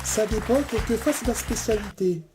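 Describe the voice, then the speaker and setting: A man's voice: high-pitched, normal speed, pitched above the performer's own voice, close to an everyday voice. A man voicing a young woman quiz contestant who gives tentative, questioning answers, in a toy-figure game show parody. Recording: music bed behind voice.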